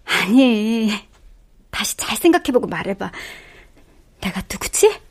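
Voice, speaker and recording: A woman's voice: fairly high pitch, big pitch swings, measured pace, heavily acted. An actress playing a worried middle-aged daughter pleading with her mother to recognize her. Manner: pleading, upset. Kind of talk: TV or radio drama acting.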